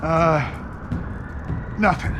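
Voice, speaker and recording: An earnest, higher-voiced, unsure cop. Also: male voice, drawn-out words, background noise. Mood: wavering, nervous. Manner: hesitant, self-justifying. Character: earnest, misguided, wavering police officer. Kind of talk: video game voice acting.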